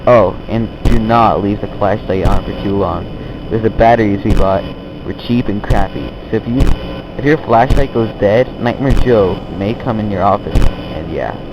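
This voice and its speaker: A man plays a night-shift trainer in an amateur horror game. His voice is on the low side and he explains things in a casual, offhand way, trailing off now and then. There is clear noise throughout the recording. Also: moderate pace, lightly acted. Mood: casual, warning. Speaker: phone guide briefing a new night guard.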